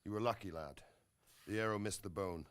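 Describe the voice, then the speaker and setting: An actor playing a stern veteran knight in a video game, speaking in blunt soldierly commands. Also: male voice, lowish voice, a little fast, a bit bright, clean tone, lightly acted. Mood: steady. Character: Sir Robard, stern veteran knight, gruff.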